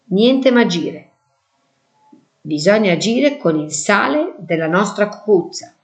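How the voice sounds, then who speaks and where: Brisk, no-nonsense motherly woman for a storybook, read by a woman; firm and warm-hearted, with emphatic delivery. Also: medium pitch, expressive, pitched above the performer's own voice.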